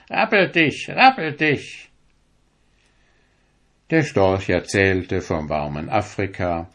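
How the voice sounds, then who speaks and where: A man narrating a fairy tale as a storybook reading, as a lively storyteller. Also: on the low side. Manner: lively storyteller, voices the animals.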